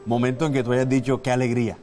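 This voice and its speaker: A man's voice: medium pitch, little pitch movement, fast. A male host asking teasing, joking questions in a casual interview. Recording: loud music playing behind.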